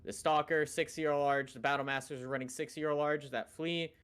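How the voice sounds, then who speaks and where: A man's voice: fairly high pitch, fairly even intonation, normal speed, fairly bright tone, smooth. A man giving casual, analytical commentary on a live game match as a co-caster.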